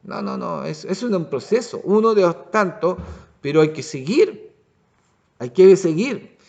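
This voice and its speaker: A man teaching a Bible lesson as pastor, often pausing to check the congregation understands. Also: high voice, animated, vocal fry, darkish tone. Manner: restarts and asks "¿ya?" to check understanding. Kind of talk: Bible study sermon.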